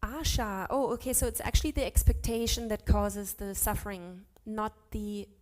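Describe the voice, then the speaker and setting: A woman teaching a class on Sanskrit scripture, chanting verses slowly and correcting herself aloud as she goes. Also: mid-range voice, steady tone, a little mellow. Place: ashram class.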